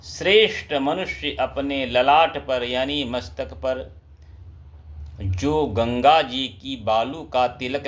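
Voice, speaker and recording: Very slow reverent preacher man. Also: medium pitch, fairly bright tone. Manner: slow, reverent, chants Sanskrit verses. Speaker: pandit, scripture storyteller. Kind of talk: devotional scripture discourse.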